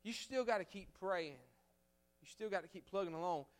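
A man preaching a revival sermon as a guest preacher, swinging from loud fervent exhortation to hushed storytelling. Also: high voice, normal speed. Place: church sanctuary.

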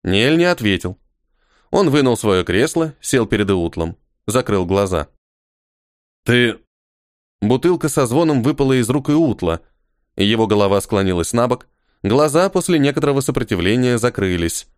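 Lively male audiobook narrator. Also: medium pitch, moderate pace, clean tone, no room sound, clean studio sound. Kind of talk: scripted narration.

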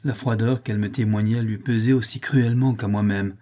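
A man's voice: lowish voice, fairly even intonation, brisk, mellow, natural voice. A man voicing an emotional aristocratic marquis, effusive and familiar with his old servant. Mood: elated.

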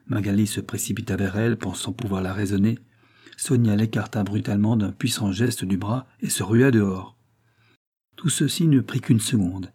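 Dark, husky male narrator. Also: on the low side. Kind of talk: audiobook narration.

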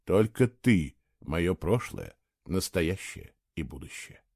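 Male reader voicing a grown man, low, firm and hushed, varied in tone. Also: very animated, slow pace, vocal fry, no echo, clean studio sound, heavily acted. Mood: tender, hushed. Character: grown man, cold then tender lover.

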